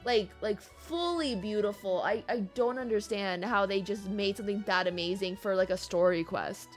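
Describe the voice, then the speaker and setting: A woman livestreamer with a mid-range voice talks at a normal speed, chatting casually and playfully with her live audience. She's informal and a little sweary. Background music plays behind her.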